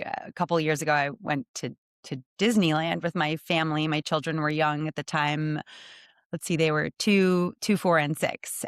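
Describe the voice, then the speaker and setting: Smooth-voiced woman telling a reflective story. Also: low voice, fairly bright tone, no room sound, studio quality. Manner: reflective, measured, with frequent pauses. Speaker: hospital medical director, guest. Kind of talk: conversational storytelling.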